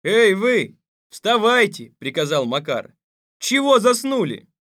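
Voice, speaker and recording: An actor playing a stern, weary fairy-tale tsar in an audiobook radio play, speaking gruffly and with command. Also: male voice, on the high side, animated, a little slow, fairly bright tone, dry recording, clean studio sound.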